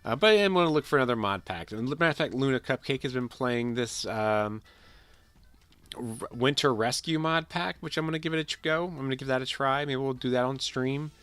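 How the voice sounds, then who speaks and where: This livestreamer sounds sick and nasal as he casually talks to viewers at the end of a gaming session, wandering off topic, repeating himself and starting sentences over. He speaks briskly at medium pitch in a smooth, fairly bright tone, and the recording is dry.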